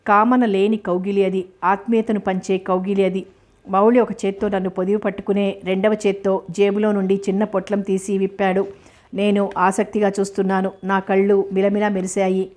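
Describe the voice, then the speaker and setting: Woman narrator for an audio novel, steady first-person reading, level and unvaried delivery. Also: mid-range voice, moderate pace.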